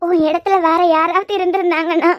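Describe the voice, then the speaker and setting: With an extremely high pitch, a level tone and a slightly fast delivery, a woman with a Kanyakumari Tamil accent voices a scolding yet tender young roommate in a cartoon web series. There's no room sound, and the audio is lo-fi.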